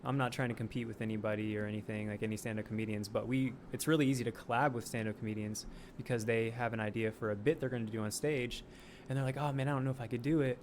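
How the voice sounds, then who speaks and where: A man in his late twenties, a sketch comedian talking casually as a podcast guest, animated and swearing freely. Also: mid-range voice, quick pace, slight background noise. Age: late 20s. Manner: animated, swearing, laughing often.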